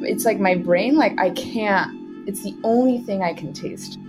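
A woman's voice: medium pitch, measured pace. A woman from Switzerland, casually telling a personal story. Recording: loud music behind the voice. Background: loud guitar music.

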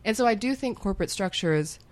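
A woman in her thirties who grew up in Hong Kong appears as a guest writer on a podcast, chatting casually. Her medium-pitched voice is expressive and brisk, her humor wry and self-mocking, and she swears freely.

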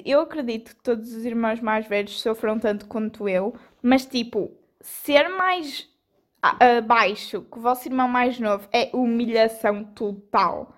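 Young woman, european portuguese accent, bit high voice, slangy casual hosting, teasing her brother. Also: a little slow. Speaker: host.

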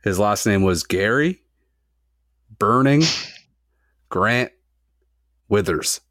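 A man's voice: on the low side, lively intonation, very slow, fairly bright tone, no room sound, clean studio sound. A man hosting a casual podcast, reading out trivia questions and multiple-choice options to his friends and swearing freely. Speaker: podcast host running trivia quiz.

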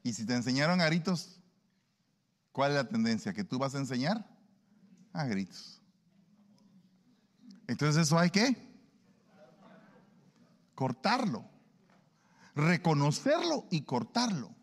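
A man preaching a sermon in an animated way, acting out everyday dialogues. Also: a little high, slow pace, long pauses. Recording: long hall reverb.

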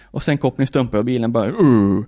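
A gravelly, medium-pitched racing driver guest is heard in a clean studio recording with no room sound. In relaxed chat, he tells his racing story animatedly, shouting and laughing as he acts out how he reacted. He swears freely and often says "liksom" and "jag bara."

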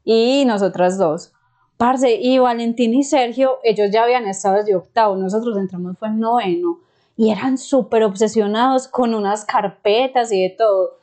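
A woman in her thirties with a Colombian paisa accent, a podcast guest telling stories in slangy, animated casual chat. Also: fairly high pitch, normal speed. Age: 30s.

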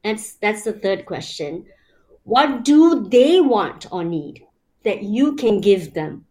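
A warm-toned, very animated Malaysian woman with a mid-range voice takes her time as an interview guest. Reflective and relaxed, she explains her ideas in numbered steps and fills the gaps with many a "you know."

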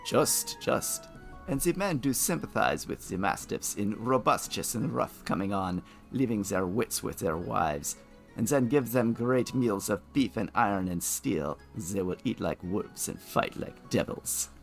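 A man's voice: on the low side, animated, unhurried, gravelly, faint music behind. A man reading aloud as a French lord, declaiming old verse dramatically.

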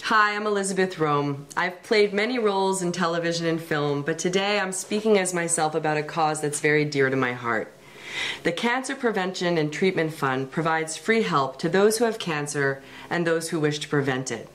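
A woman's voice: low-pitched, expressive, normal speed. A woman reading a scripted, heartfelt charity appeal.

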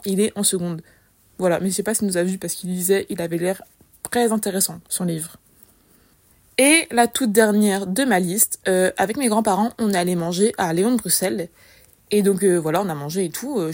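A young woman hosting a podcast, telling casual stories in a chatty, lively, slangy way with many fillers. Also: mid-range voice, a little fast. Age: young adult. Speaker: podcast host. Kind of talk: casual solo storytelling.

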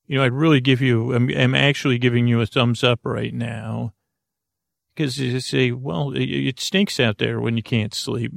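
On a sleep podcast, a man opens with a rambling bedtime intro, meandering and interrupting himself with wry asides. His mid-range voice is creaky, and the studio-quality recording has no room sound.

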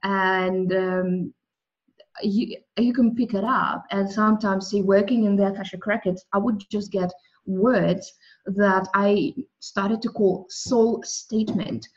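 A woman with a medium-pitched, steady voice speaks slowly on a lo-fi recording. She is a guest in a spiritual interview, a native Russian speaker who muses thoughtfully on the soul and language, often restarting her sentences.

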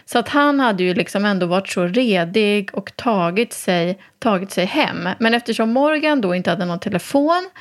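Chatty Swedish woman, quick talk. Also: mid-range voice, lively intonation. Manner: quick, chatty, adds to her partner's story. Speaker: mother. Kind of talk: casual storytelling chat.

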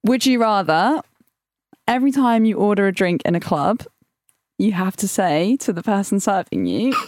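A woman co-hosting a casual chat podcast, playful, acting out the lines a DJ would shout to a crowd. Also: medium pitch, big pitch swings, normal speed, no echo, clean studio sound. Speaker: podcast co-host.

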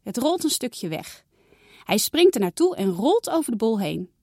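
Lively woman reading a children's story. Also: fairly high pitch, normal speed, breathy edge, no echo, studio quality.

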